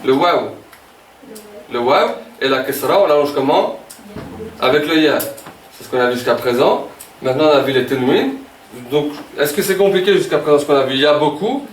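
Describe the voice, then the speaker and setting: This is a classroom lesson in beginner Arabic, led by a man whose voice runs somewhat high and animated at a moderate pace. He repeats words frequently and checks in with "ok?", heard from a distance in an echoey room with slight hiss or hum.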